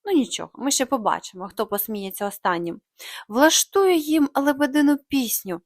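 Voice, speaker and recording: A woman's voice: sits high, lively intonation, moderate pace, no room sound, clean studio sound. A woman voicing a grumpy, scheming male monster leader who bosses his gang. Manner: grumbling, sly.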